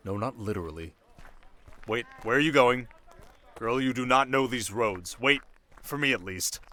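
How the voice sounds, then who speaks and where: In an intimate ASMR roleplay, a man with a lowish voice takes the part of a young, sharp desert king, teasing his new wife with quietly commanding, measured words.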